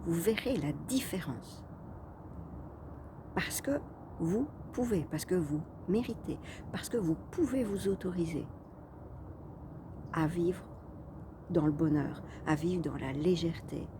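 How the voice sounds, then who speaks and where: A woman's voice: fairly low pitch, expressive, takes it slowly, pauses often, noisy background. A woman coach talking casually to her viewers, chatty and hesitant, with frequent fillers and restarts. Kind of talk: casual talking-head vlog.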